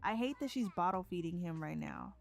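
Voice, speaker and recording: A woman's voice: fairly low pitch, expressive, brisk, creaky, faint music behind. A young woman, chatting casually while she plays a life-simulation game and laughs often. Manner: chatty, laughs often, voices characters in asides. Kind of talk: casual let's-play commentary.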